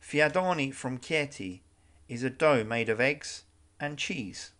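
Male narrator for a travel guide video, measured delivery with wry asides, mid-range voice. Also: medium pitch, a bit bright.

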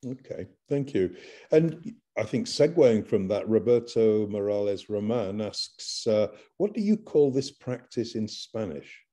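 A middle-aged man moderates an academic webinar over a video call. His voice is low and mellow, and he asks his questions in a measured, polite way. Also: sing-song. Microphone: computer mic on video call.

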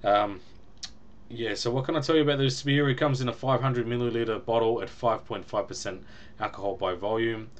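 A young man with a brisk, medium-pitched voice chats casually about a beer he's reviewing on his webcam from a small room at home. He rambles along with ums and little laughs.

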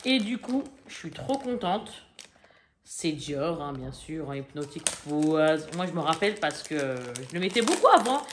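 A woman's voice: low-pitched, big pitch swings, normal speed, a little hiss or hum. A chatty woman in her forties talking casually to viewers as she shows off a shopping haul. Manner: chatty, talks straight to viewers, many fillers and asides. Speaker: vlogger showing a shopping haul. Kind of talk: casual haul vlog chat.

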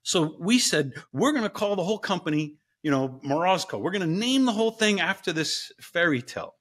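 A middle-aged man talking casually as an interview guest. His voice sits a little high and swings widely in pitch. He acts out the voices in his story with big jumps. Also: very animated, brisk, fairly bright tone. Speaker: guest, professor and ice bath company co-founder.

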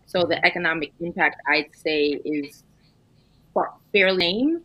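A woman in her thirties on a video call panel, speaking in a measured, explanatory way from her living room. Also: lowish voice, bright, forceful tone, no echo, rough recording. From New York. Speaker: panel guest. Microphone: video call webcam.

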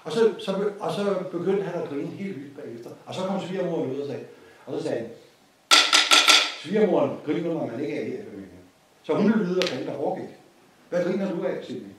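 A man with a Danish accent giving an informal course lecture, telling a story with repeated phrases and lively asides. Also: a little high, noisy background. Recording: echoey hall from a distance.

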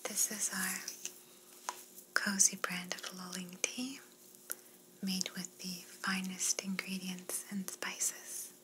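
A woman's voice: fairly low pitch, flat delivery, takes it slowly, long pauses, noisy background. A young woman playing an attentive, courteous flight attendant in a whispered role-play, speaking politely as she offers service. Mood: courteous, soothing. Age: young adult.

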